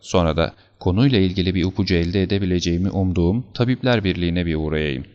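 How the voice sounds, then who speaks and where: A man voicing a calm, amused, mocking detective in an audiobook, speaking in a wry, unruffled way. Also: sits low, quick pace, muffled recording, lightly acted. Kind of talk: audiobook character reading.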